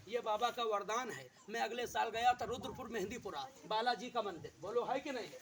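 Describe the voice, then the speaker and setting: High-voiced street magician over a crowd. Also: male voice. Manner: loud hawker-style calling to the crowd. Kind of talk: street show patter. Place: outdoor village street show. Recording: outdoor show with loud crowd.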